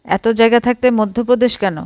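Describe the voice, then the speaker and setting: A woman's voice: a little high, steady tone, a little fast, darkish tone, no room sound, close to an everyday voice. A woman doing a prying young schoolteacher. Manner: prying, lightly amused.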